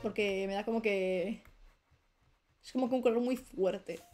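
A young woman speaks a little slowly in a darkish, mid-range voice while drawing on a live stream. This streamer and illustrator rambles casually and lets sentences trail away, and faint background music plays.

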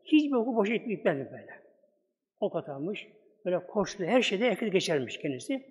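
A man's voice: sits high, big pitch swings, fairly quick, darkish tone, breathy edge, big-room sound. A man preaching a storytelling sermon with Quran commentary, acting out the dialogue of the story as he tells it. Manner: acts out dialogue of the story in quotes.

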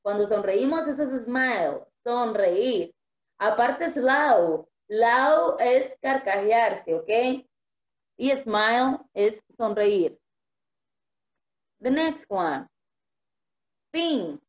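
A woman teacher leads an online vocabulary lesson, saying each word several times in a slightly high voice. She speaks very slowly and patiently, as if for students to repeat. The sound is dull and lo-fi, like video-call audio. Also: expressive. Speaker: English teacher.

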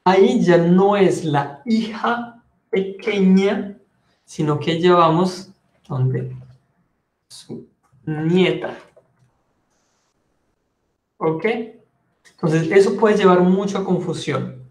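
Slow, patient Colombian teacher. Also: male voice, high voice, darkish tone, roomy sound. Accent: Colombian Spanish. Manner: patient explaining, repeats French phrases slowly. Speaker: French teacher. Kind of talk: online language lesson.

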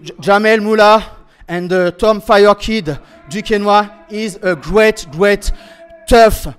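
High-voiced French man in halting English. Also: clear, resonant tone, soft background music. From France. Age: young adult. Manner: halting broken English, repeating words while searching for them. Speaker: MMA fighter. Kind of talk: post-fight interview. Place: indoor event backdrop interview area. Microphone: handheld interview microphone held close.

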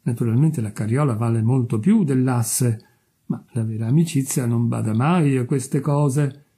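A man's voice: mid-range voice, normal speed, dark tone, husky. A man voicing a selfish miller who talks in a pompous, self-righteous way. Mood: smug.

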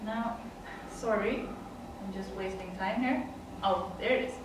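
Medium in pitch and measured in pace, a Swedish woman of middle age gives a chatty presentation in English, accented and peppered with laughter and fillers. Background noise is present. She was captured from a distance by a room mic in a dim conference room with echo.

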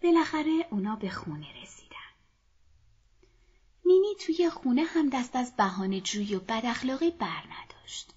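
A woman narrating a children's story in a soft, often half-whispered voice, speaking to children, in a dull lo-fi recording. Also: a little high, sing-song, slightly rough.

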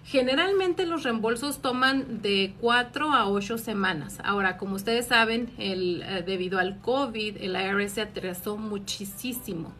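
Speaking in a mid-range voice that is a bit bright, this woman from Mexico keeps a moderate pace with hardly any pauses over soft background music. She's a tax advisor on a live stream, explaining things to viewers in a friendly way full of filler words. A phone camera at arm's length films her in a small office.

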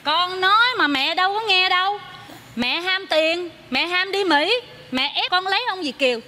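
A woman's voice: very high-pitched, normal speed, bright, forceful tone, a little hiss or hum. A woman playing a worried daughter in a live stage comedy, pleading and questioning. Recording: live stage, audience audible.

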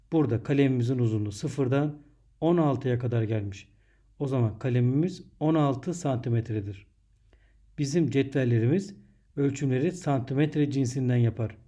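A man with a very dark, muted voice at a middling pitch teaches young pupils from a script. He speaks like a teacher dictating, setting out short, measured phrases one at a time. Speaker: primary school teacher.

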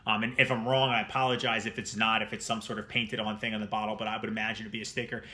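A man's voice: fairly low pitch, flat delivery, rapid-fire, bright, forceful tone. Enthusiastic young man reviewing a scent. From New Jersey. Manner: enthusiastic, rambling, repeats words. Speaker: fragrance reviewer. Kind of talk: casual product review to camera. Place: small room at home, indoors.

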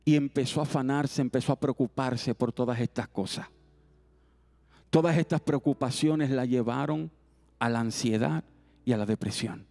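A man's voice: mid-range voice, moderate pace, vocal fry, darkish tone. A man preaching a youth service sermon. He repeats his exhortations in an earnest, rising cadence.

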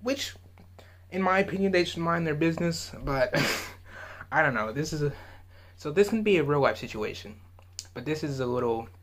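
A man's voice: fairly high pitch, expressive, normal speed, pauses often, a bit bright. A man hosting a reaction video, chatting in a loose, rambling way and often laughing and trailing off. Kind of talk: casual rambling commentary.

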